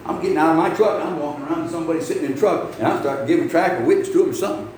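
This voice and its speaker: A man's voice: on the high side, racing, darkish tone. A man preaching a folksy, exclamatory sermon full of "amen" and "man". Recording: echoey room with faint background noise.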